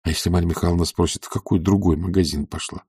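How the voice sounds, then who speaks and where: A man doing a fretful, anxious gentleman. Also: low voice, fairly even intonation, quick pace, breathy edge, no room sound, clean studio sound, exaggerated voice. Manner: fretful, impatient, pleading. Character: anxious, sluggish young gentleman.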